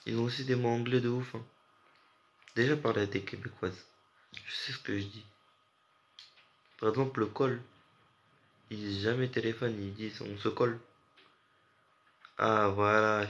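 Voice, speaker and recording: Streamer, young guy from France, low voice, sleepless and rambling with slang, dull lo-fi stream audio. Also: steady tone, normal speed, long pauses, a bit bright. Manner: rambling, slangy, talks straight to chat. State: sleep-deprived. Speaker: gaming streamer chatting with viewers. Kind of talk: casual late-night stream chat. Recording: muffled lo-fi audio with faint hiss.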